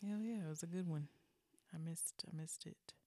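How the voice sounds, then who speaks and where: A woman co-hosting a podcast, tipsy from wine and giggly, chatting casually and trailing off softly. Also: sits low, normal speed, dry recording. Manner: tipsy, giggly, drifting soft. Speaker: podcast co-host. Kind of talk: casual chat.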